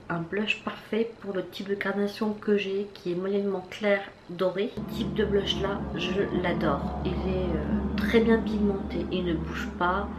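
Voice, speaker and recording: A woman casually reviewing her latest makeup purchases, chatty and hesitant, with lots of fillers and restarts. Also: medium pitch. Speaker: beauty vlogger. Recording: echoey room with faint background noise.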